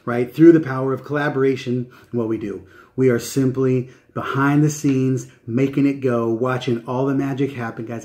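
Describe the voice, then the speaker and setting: A man's voice: mid-range voice, a little mellow. A man hosting a channel introduction in an open, friendly, welcoming way, enthusiastic and emphatic, often checking in with short tag questions. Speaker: channel host, live event specialist. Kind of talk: upbeat promotional channel introduction to viewers.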